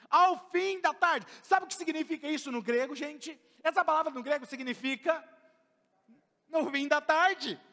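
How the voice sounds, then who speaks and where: A Brazilian man preaching a lively, storytelling sermon as pastor, asking his congregation questions. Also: very high-pitched. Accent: Brazilian Portuguese. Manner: animated, asks the crowd questions. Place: church hall. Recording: long church-hall reverb.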